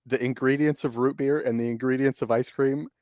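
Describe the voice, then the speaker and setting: A man co-hosting over an online call, excitable and prone to loud exclaimed asides. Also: medium pitch, fairly quick, dry recording, clean studio sound. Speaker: podcast co-host. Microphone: remote call mic, cutting out.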